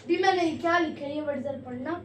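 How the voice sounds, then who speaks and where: A woman with a very high voice teaches a classroom lesson, strict and scolding in between, drawing out each verse line slowly as she reads. She sounds far from the mic in an echoey room, with a faint hum of ambience behind her. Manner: slow drawn-out verse reading. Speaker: Urdu teacher.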